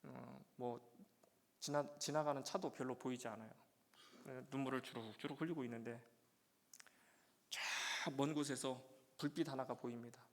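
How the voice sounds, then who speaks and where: A male pastor giving a sermon with a personal testimony, telling his story with many "예" fillers and breaking into loud, emotional prayer. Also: medium pitch, steady tone, moderate pace, vocal fry, pauses often. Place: church sanctuary. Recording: long church reverb.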